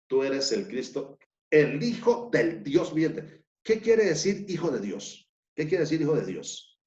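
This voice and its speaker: A man's voice: mid-range voice, a little mellow. A man preaching a sermon, reading verses aloud and putting questions to the congregation. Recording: echoey, dull lo-fi room sound.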